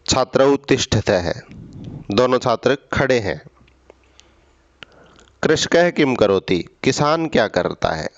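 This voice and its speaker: A man's voice: on the low side, clean tone, no echo, dull audio. A man teaching a school lesson, reading each line and then explaining it patiently, step by step.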